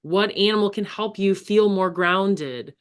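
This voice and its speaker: A woman's voice: mid-range voice, measured pace, smooth. A woman hosting a spiritual podcast, enthusiastic and encouraging in casual chat. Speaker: podcast host.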